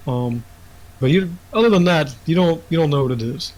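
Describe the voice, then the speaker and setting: A man's voice: on the high side, a little fast, darkish tone, low-quality recording. A young man narrating as dungeon master in a casual, rambling way full of fillers. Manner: casual, filler-heavy storytelling. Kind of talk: narrating a tabletop game.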